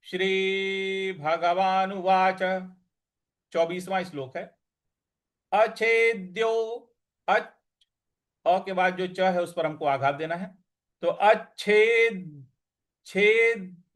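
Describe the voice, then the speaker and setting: A man teaching Sanskrit recitation, chanting verses slowly and drawn out, then explaining patiently and briskly. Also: sits high, fairly even intonation, fairly bright tone. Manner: patient, instructive. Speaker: scripture teacher.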